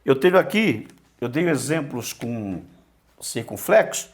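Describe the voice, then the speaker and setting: A man's voice: medium pitch, very animated, measured pace. A man teaching a Greek lesson, repeating key words and asking himself questions. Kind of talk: online lesson.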